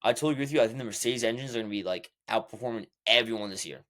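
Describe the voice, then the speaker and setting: A man co-hosting a podcast in casual motorsport chat, excitable and slangy, often repeating his phrases. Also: mid-range voice, rapid-fire. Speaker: podcast co-host.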